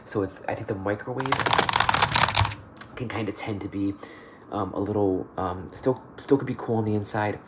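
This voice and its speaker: Low-pitched soft-spoken ASMR man, noisy clicks. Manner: halting, repeats and rephrases phrases. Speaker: ASMR performer playing a job interviewer. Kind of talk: soft-spoken ASMR role-play of a job interview. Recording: noisy, with clicking and typing sounds.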